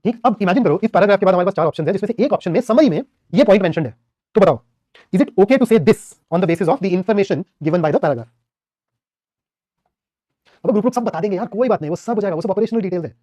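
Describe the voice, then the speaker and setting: Fast-talking man teaching online. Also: high-pitched, dry recording, studio quality. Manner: lively, conversational, acts out little dialogues. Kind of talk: online class lecture.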